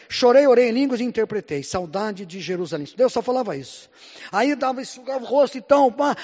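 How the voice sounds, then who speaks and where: A Brazilian man preaching a sermon in Portuguese, often calling out "Amém?" and "Glória a Deus", swinging between loud and hushed lines. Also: very high-pitched. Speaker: pastor. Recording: muffled sound with long hall reverb.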